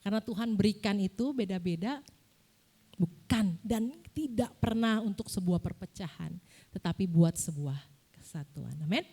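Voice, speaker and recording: A young woman giving a casual, lively sermon in a church, often asking the congregation questions. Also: medium pitch, moderate pace, slightly rough. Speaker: preacher.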